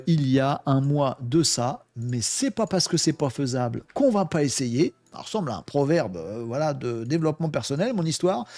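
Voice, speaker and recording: A man's voice: on the high side, a little mellow, no room sound. A man hosting a casual tech demo, chatting and thinking aloud with lots of fillers and asides to himself. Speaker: tech video host. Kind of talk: casual screen-share demo.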